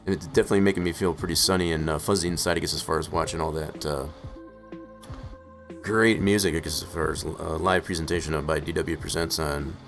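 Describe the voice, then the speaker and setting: A man streaming live in casual chat, rambling with many fillers and hoarse from losing his voice. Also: extremely low pitch, fairly even intonation, brisk, a bit bright. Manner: rambling, full of "uh" and "I guess, as far as" fillers. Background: faint music playing in the background.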